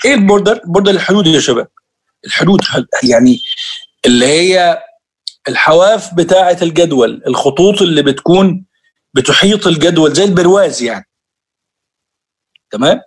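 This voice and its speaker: Fast-talking Egyptian man explaining steps. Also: fairly high pitch, animated, slightly rough. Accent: Egyptian Arabic. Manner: explains step by step, addresses students directly. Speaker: computer skills teacher. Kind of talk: screen-share tutorial lesson.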